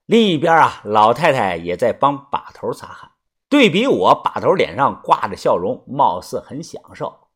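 A man's voice: mid-range voice, big pitch swings, normal speed, a bit bright, husky. A man narrating a story in a chatty way, stretching particles at the ends of his phrases. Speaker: audiobook narrator.

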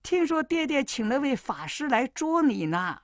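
A bold male monkey king boasts in a storybook tale, as a storyteller does his voice. He sounds raised and brash, his pitch jumping about. The recording is dry and close. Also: very animated, moderate pace, no echo. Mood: sly. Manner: brash, shouting.

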